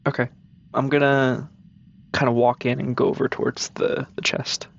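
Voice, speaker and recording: A man's voice: medium pitch, little pitch movement, moderate pace, gravelly, highs cut off. A man playing a comedic tabletop game, cautious and curious, asking the game master one question after another. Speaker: player.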